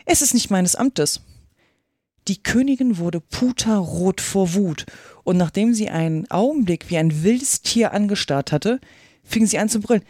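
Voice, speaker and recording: A woman podcast host reading a classic storybook aloud in a steady, expressive way. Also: medium pitch, normal speed, no echo, clean studio sound.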